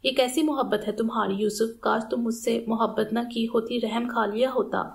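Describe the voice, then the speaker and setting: A woman's voice: fairly high pitch, fairly even intonation, creaky, darkish tone. A woman reading the lines of a wronged young wife, accusing and pleading in an audiobook novel. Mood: anguished. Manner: pleading, reproachful questions.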